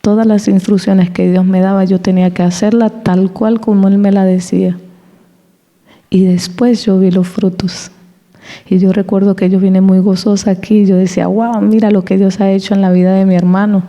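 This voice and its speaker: A woman giving a personal testimony in a church service, telling her story with lively acted-out dialogue and the occasional laugh. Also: mid-range voice, moderate pace. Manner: animated storytelling, acting out quoted dialogue; laughs between anecdotes. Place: church hall. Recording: long reverb of a church hall.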